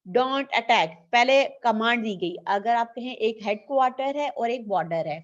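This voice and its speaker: A woman teacher gives an online lecture with a slightly high voice, asking questions and answering them herself. The audio is dull and lo-fi. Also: expressive, measured pace.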